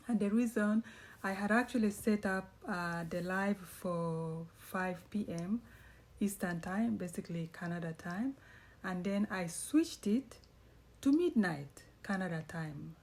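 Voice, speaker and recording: Rambling, chatty woman vlogger. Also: lowish voice. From East Africa. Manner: rambling, self-correcting, chatty. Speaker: YouTuber and writer. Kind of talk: casual vlog chat.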